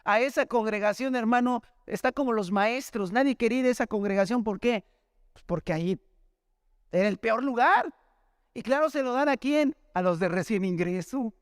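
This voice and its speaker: A man's voice: very high voice, normal speed, smooth, no echo, studio quality. A man with a Mexican accent, a pastor preaching a sermon through a personal testimony, talking in a conversational storytelling way and often addressing listeners as brother. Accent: Mexican Spanish.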